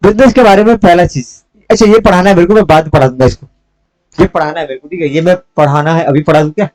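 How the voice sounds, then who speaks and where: A young male teacher with a high voice runs a lively commerce lesson. He fires quick questions at the class and answers them himself, dropping English terms into his talk. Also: low-quality recording. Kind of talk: live class lecture.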